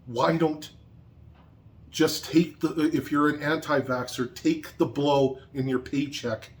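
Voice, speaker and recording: A man's voice: a little high, fairly even intonation, slow pace. A man angrily ranting in a vlog, swearing constantly and repeating points for emphasis. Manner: angry, profane, heated. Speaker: vlogger.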